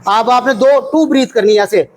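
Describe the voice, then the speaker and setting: A high-voiced man with a Pakistani Urdu accent runs a hands-on CPR workshop, calling out counts and repeatedly quizzing his students. He's in a training room packed with learners, speaking at a normal speed on poor-quality audio.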